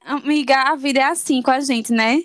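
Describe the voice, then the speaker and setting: A high-voiced woman chimes in with quick, slangy reactions. She co-hosts a casual chat, recorded dry and close. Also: steady tone, fairly bright tone, no echo. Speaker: podcast co-host.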